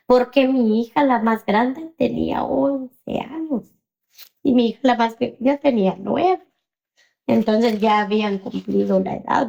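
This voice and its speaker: A woman, recounting her story as an interview guest. Her voice has a gravelly, fry-laden texture. She speaks hesitantly, often pausing on fillers and checking in with the listener. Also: medium pitch, dark tone. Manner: hesitant, many fillers and "¿verdad?" tags.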